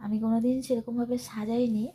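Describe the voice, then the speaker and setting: A young woman with a fairly high voice chats away to her viewers in a relaxed home vlog. She talks to them like friends as she goes about her evening chores. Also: quick pace, slight background noise. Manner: chatty, addresses viewers as friends. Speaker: vlogger, mother. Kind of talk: casual home vlog narration. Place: home at night.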